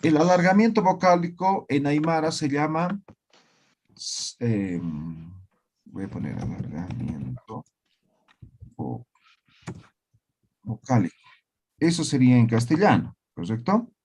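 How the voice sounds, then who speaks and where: A man teaching a language class online, slowly repeating words and often checking that students follow. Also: mid-range voice, sing-song, a little mellow, slightly rough.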